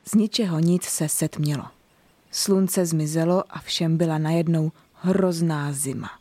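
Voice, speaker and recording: Storybook narrator, woman with a lowish voice, even and clear. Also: dry recording.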